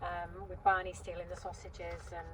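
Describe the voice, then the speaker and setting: A Welsh-born vlogger in her fifties chats casually to the camera from inside her van, parked by a river on a windy day. Her voice is on the low side and monotone at a moderate pace, and she rambles with plenty of ums and restarts. Gusting wind outside creates wind noise in the recording.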